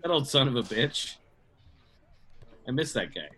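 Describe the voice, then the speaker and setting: A man's voice: medium pitch, sing-song, measured pace, fairly bright tone. A man improvising at a mock press conference, ranting and swearing in a jokey way. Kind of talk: improv comedy.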